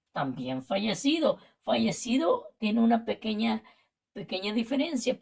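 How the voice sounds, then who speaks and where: Slow, husky-voiced Latin American woman teacher. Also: fairly high pitch, darkish tone. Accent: Latin American Spanish. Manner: slow, careful explaining with repetitions. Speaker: language teacher. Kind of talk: spelling and vocabulary lesson.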